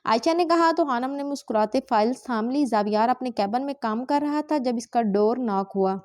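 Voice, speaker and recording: A woman's voice: a little high, a little fast, darkish tone. A woman with a Pakistani Urdu accent narrating a romance novel as an audiobook, reading every character's lines in her own voice. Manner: reads all characters' dialogue in her own voice.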